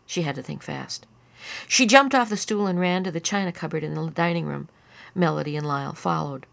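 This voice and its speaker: A woman reading a children's story aloud in an even, soft-spoken way. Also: deep voice, brisk, gravelly. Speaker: narrator.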